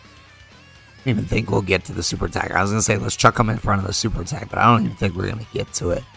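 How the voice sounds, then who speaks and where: A young mobile game video creator with a low, gravelly voice gives casual gameplay commentary, thinking aloud with fillers in a relaxed manner. Being a little sick, he is slowly losing his voice, and game music plays faintly behind him.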